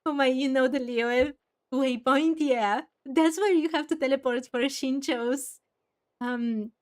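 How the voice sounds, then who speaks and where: In a high, slow voice, a woman hosts a game playthrough, reading the dialogue and pondering aloud. Every so often she breaks in with an exclamatory aside.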